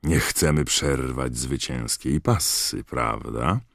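A man voicing a ghostly gentleman who speaks in a polite, slightly lofty way in an audiobook. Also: extremely low pitch, slow, creaky, no room sound, clean studio sound, exaggerated voice. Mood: prim. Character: prim ghost gentleman, mildly pompous. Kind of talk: audiobook character voice.

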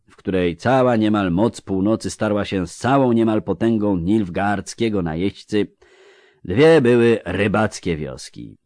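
A man reading a fantasy novel aloud in a measured, dramatic way. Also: lowish voice, a little mellow, dry recording, studio quality. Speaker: audiobook narrator. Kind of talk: scripted literary narration.

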